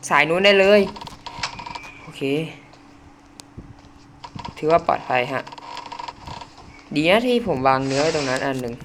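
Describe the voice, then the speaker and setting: Excitable male game commentator. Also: mid-range voice, a little slow, pauses often, slight background noise. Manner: chatty, talks to viewers, startled exclamations. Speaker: gaming channel host. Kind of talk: let's play commentary.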